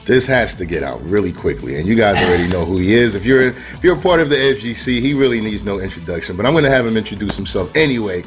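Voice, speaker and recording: A middle-aged man hosting a casual interview over a video call with a headset, loose and upbeat, often chiming in with quick agreement. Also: lowish voice, lively intonation, faint music behind. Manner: upbeat, loose, affirming with 'right, right'. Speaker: host. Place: home room, indoors.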